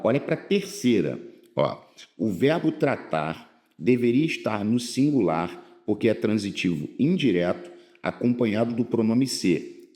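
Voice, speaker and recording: A Brazilian man teaching Portuguese grammar for exam prep in a casual way, reading quiz items slowly and then explaining them in colloquial speech. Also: medium pitch, mellow.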